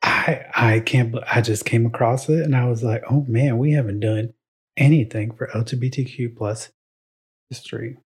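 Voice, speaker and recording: Husky-voiced young man hosting a podcast. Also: mid-range voice, fairly even intonation, moderate pace. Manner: playful quiz-master banter. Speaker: podcast co-host. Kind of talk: casual chat.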